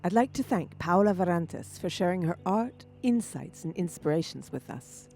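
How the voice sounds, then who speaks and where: A woman's voice: lowish voice, lively intonation, moderate pace, vocal fry, dark tone. A woman reading a scripted closing thank-you as the channel presenter.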